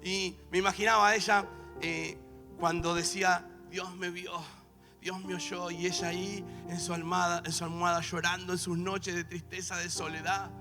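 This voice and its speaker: High-voiced Argentine pastor preaching over music. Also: male voice, little pitch movement, brisk, vocal fry. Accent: Rioplatense Spanish. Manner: swings from soft storytelling to shouted exhortation. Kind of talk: sermon. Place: church. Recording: live church service with music underneath. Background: worship music.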